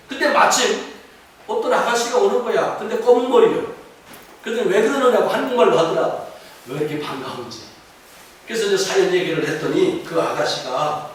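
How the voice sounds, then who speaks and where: A middle-aged man preaching a sermon as pastor, telling stories and rising to fervent shouts. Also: high-pitched. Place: church sanctuary. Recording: very echoey hall from far off, faint noise.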